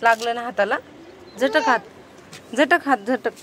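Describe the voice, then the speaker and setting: A woman's voice: a little high, a little slow. Coaxing young mother, faint noise. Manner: coaxing and scolding small children. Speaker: vlogger and mother. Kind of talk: casual family vlog.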